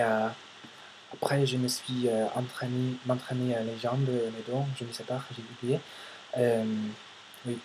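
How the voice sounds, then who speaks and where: An American man with an American accent and English as his first language, speaking slowly and haltingly in a casual practice monologue while he searches for words, recorded on a computer microphone. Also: a little mellow. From United States. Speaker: language learner vlogger. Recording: noisy low-quality home recording.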